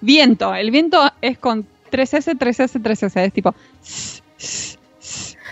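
A quick, amused woman with a Rioplatense accent co-hosts a podcast. Her voice sits high. The remote audio sounds muffled, and soft music plays underneath. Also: expressive, dry recording. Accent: Rioplatense Spanish. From Argentina or Uruguay, living in the United States. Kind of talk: casual podcast chat.

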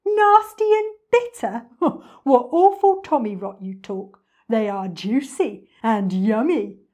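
A woman's voice: mid-range voice, lively intonation, takes it slowly, warm tone. Woman putting on a gloating, greedy enormous male crocodile. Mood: scornful, gleeful.

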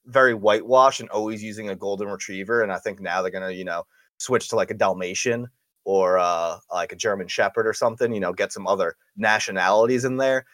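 A man's voice: on the low side, fairly bright tone, no echo, clean studio sound. A man hosting a casual podcast, rambling, laughing often and swearing freely. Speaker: podcast host. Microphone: studio microphone.

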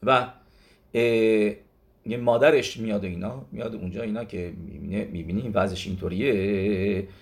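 A man's voice: lowish voice, gravelly, darkish tone. A man teaching a religious lesson, retelling stories in a loose conversational way that halts and often restarts words. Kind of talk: storytelling Torah lesson.

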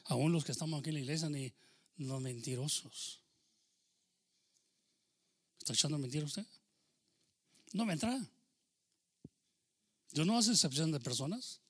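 A man preaching a sermon, shifting between loud proclaiming and quiet, confiding testimony. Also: on the high side, measured pace, pauses often. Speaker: pastor.

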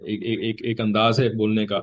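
Man, religious lecture, explanatory, lowish voice. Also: little pitch movement, normal speed, muffled recording. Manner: explanatory, repeats "ठीक है" often; acts out short quoted lines in changed tones. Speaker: religious teacher.

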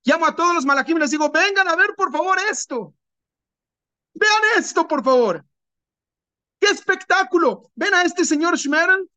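A man's voice: very high-pitched, fairly even intonation, rapid-fire, hardly any pauses, sharp tone, dry recording, voice pushed up. A man voicing a proud, loving male God who speaks tenderly and earnestly in a parable.

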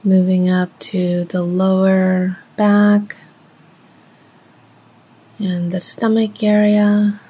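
A gentle woman's voice, mid-range, mellow, soft and a touch breathy, guides listeners through a meditation at a very unhurried pace. Her delivery is flat, moving in brief, measured phrases separated by long pauses.

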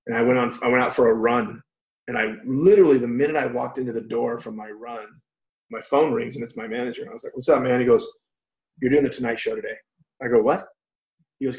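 Man, 40s, stand-up comic, casual profane storyteller, roomy echo, mid pitch. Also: darkish tone. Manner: loose, profane storytelling with quoted dialogue. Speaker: stand-up comedian guest. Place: room at home. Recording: echoey room.

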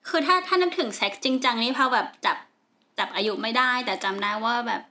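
Woman, casual talk co-host, slightly high bright voice, relaxed and searching for words. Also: fast talker. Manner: relaxed, hesitant, many fillers. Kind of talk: casual chat.

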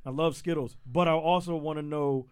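A man's voice: on the high side, fairly even intonation, normal speed, clear, resonant tone. A man co-hosting a podcast, bantering casually and laughing as he gives a loose, playful sign-off. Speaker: podcast co-host.

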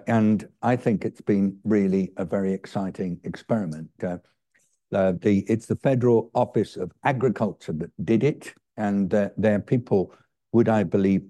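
Very dark, mellow-voiced man speaking earnestly. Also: on the low side. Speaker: guest speaker answering questions. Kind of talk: public talk, thoughtful extempore answers.

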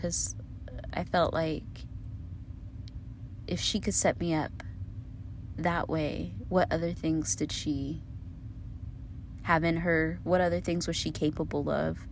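Low gravelly woman telling her story. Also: little pitch movement, takes it slowly, long pauses, a little hiss or hum. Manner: candid, swears freely, talks straight to viewers. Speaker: vlogger. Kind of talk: casual storytelling to camera.

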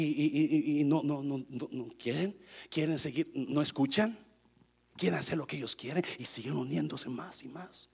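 A man preaching a sermon in a high, lively voice that rises and falls across a wide range. He slips between Spanish and English and acts out the voices of the scripture. His delivery swells from quiet asides into loud, shouted preaching. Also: creaky, slightly rough. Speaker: pastor.

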